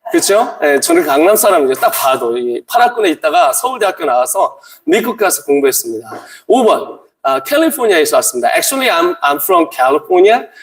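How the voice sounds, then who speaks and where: A man's voice: on the high side, very animated, fairly quick, few pauses. A man in his forties, a missionary giving a joking talk at a church gathering, quizzing the audience and slipping into English. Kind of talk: humorous church talk to a crowd. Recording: echoey hall.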